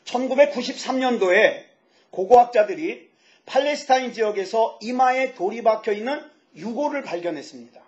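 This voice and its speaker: A pastor in his fifties preaching a sermon, lively and joking, asking the audience questions. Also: very high-pitched. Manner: lively, asks the audience questions, jokes about himself. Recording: dull lo-fi sound.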